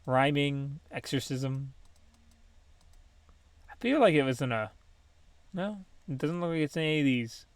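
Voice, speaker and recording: A man's voice: a little high, lively intonation, a little slow, long pauses, clear, resonant tone, no room sound. A man casually commentating his own game play, thinking aloud with many ums and small laughs. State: has the hiccups. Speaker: gaming channel host.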